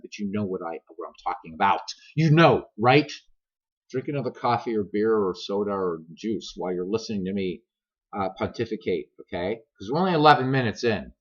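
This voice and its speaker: A man with an American accent chatting casually and digressively to viewers, joking and self-deprecating, as a gaming video host. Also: on the low side. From grew up many years in America; also Irish. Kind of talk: casual rambling chat to viewers. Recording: dull lo-fi laptop microphone.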